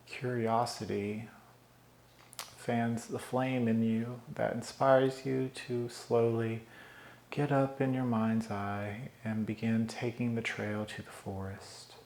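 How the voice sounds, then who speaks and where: A man guides a meditation in a slow, soothing voice of middle pitch. He leaves long pauses between calm breathing instructions. The recording has a roomy echo with a faint ambient hum behind it. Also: vocal fry.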